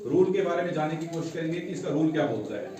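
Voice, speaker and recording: A man's voice: fairly high pitch, lively intonation, fast talker, a crowd in the background. A male English teacher giving a classroom lesson, quizzing his students with repeated call-and-response questions. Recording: very echoey room, mic far off, faint noise.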